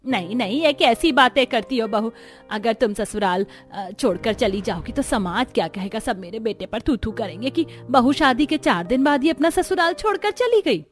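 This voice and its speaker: A woman voicing a patient middle-aged mother-in-law in a cartoon story, gentle and pleading. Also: on the high side, animated, normal speed, soft background music, close to an everyday voice. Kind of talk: animated storybook dubbing.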